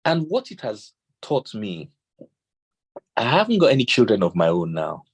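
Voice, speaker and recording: Nigerian guy telling stories at a parenting talk, low husky voice, pitch jumps all over. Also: moderate pace. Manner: animated storyteller acting out quoted dialogue. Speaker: speaker on parenting. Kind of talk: storytelling talk with scripture.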